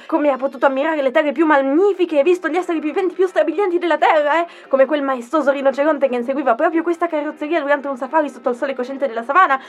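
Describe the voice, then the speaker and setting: In a comic audio sketch, a woman plays a pushy, fast-talking, overbearing car saleswoman full of theatrical sales patter and constant tag questions. Her voice is high-pitched, close to an everyday one.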